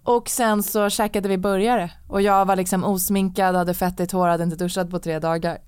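A woman in casual podcast chat, telling a story in a lively, animated way with many fillers. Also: lowish voice, clean tone, no echo, studio quality. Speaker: guest telling her story.

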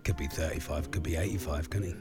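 A man's voice: a bass voice, fairly even intonation, quick pace, over music. A man playing a podcast guessing game, chatting casually and teasing the others.

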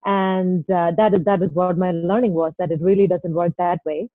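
A woman's voice: on the low side, fairly even intonation, moderate pace, no room sound. A woman from Kerala with an Indian accent, answering interview questions casually, with hesitant pacing and rephrasing as she goes. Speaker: podcast guest, startup founder. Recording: thin phone-like, roomless dry sound.

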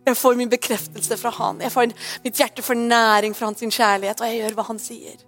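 Chatty woman pastor, higher voice. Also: little pitch movement, faint music behind. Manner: chatty, often asks "right?"; slips English phrases in. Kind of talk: sermon.

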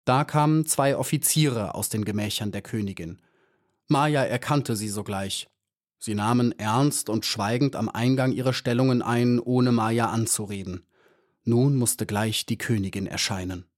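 A man narrates a children's story in a calm, measured way, with a mid-pitched, even reading voice. His delivery is steady and clear, like a practiced audiobook reader.

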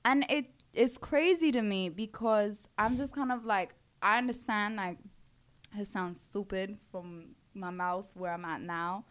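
A woman's voice: mid-range voice, a little slow. A woman from Brooklyn with a Brooklyn accent, talking candidly and casually as an interview guest, blunt and slangy with frequent swearing. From Brooklyn, New York.

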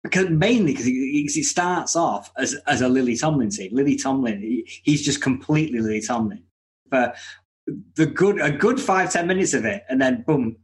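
A man co-hosting a casual film discussion, talking in a halting way and often restarting his sentences. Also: medium pitch, expressive. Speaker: film podcast co-host.

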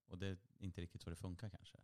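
Guy with a really deep voice chatting, kinda hesitant, keeps restarting. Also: level tone, darkish tone. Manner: hesitant, restarts often, many fillers. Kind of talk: casual chat.

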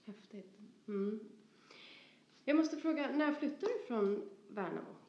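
A woman interviewing a guest, soft-spoken and attentive as she listens. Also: fairly high pitch, lively intonation, gravelly, a little hiss or hum. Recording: dull, echoey room sound.

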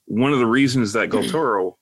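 A man co-hosting a podcast, chatting casually and telling stories in a rambling, animated way. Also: mid-range voice, brisk, breathy edge, dry recording. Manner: rambling, animated storytelling with quoted voices. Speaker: podcast co-host. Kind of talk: casual chat.

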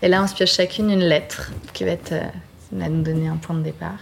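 A woman's voice: on the low side, steady tone, fairly quick, vocal fry, a little hiss or hum. A woman from France leading a casual songwriting session in a studio, guiding the steps and reading lyrics aloud. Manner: guiding, self-deprecating, reads lyrics aloud. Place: recording studio.

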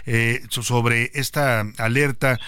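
Mexican radio host, dry close sound. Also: male voice, mid-range voice, fairly even intonation, pushed and bright, clean tone, dry recording. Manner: measured, with frequent "eh" fillers and short acknowledgements. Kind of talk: radio news interview.

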